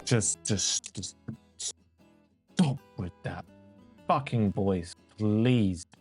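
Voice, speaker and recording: A man's voice: lowish voice, animated, extremely slow. A man reviewing music as a reaction host, blunt and full of swearing and exasperated outbursts. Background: faint music playing.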